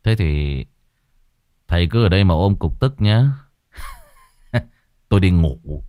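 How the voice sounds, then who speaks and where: A man's voice: low voice, animated, slow pace, dark tone, no echo. A man voicing a sly, scheming grown son who speaks coldly and taunts his father. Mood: sly, taunting. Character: scheming sly adult son, cold and spiteful. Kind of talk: storytelling voice acting.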